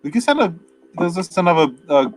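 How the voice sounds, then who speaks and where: A man's voice: high-pitched, big pitch swings, a little fast. Rambling man chatting about a film. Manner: rambling, many fillers and restarts, acts out quotes. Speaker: film review co-host. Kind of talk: casual chat.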